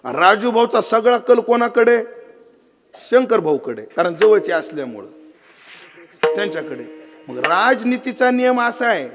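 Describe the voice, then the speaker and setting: A man's voice: sits high, a little slow, long pauses. A man delivering a devotional kirtan sermon. He tells the story with acted dialogue and quizzes his listeners. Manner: lively storyteller acting out dialogue, quizzing the audience. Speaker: kirtan preacher. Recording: echoey hall with tabla and instruments.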